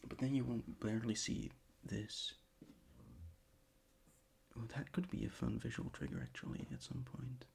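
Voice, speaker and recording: A man whose native language isn't English gives a gentle ASMR chat from a desk in his bedroom, mostly in a soft, unvoiced whisper. He's scatterbrained and rambling, restarting often, with a mid-range voice at normal speed and frequent pauses. The home recording picks up clear background noise plus crinkling and crumpling objects.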